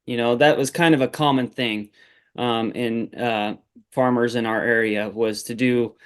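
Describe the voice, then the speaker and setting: A man in his forties, a farmer guest on a podcast, talking in a relaxed, rambling way with many fillers. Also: medium pitch, unhurried, smooth. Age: 40s. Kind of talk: casual interview chat.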